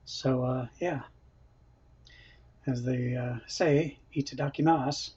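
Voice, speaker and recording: Eating his way through a relaxed home-kitchen cooking stream, this man chats, laughs often, and reads viewer comments aloud. His husky, mellow voice sits at medium pitch with fairly even intonation and a measured pace. Sound comes through a built-in camera mic, dull and lo-fi.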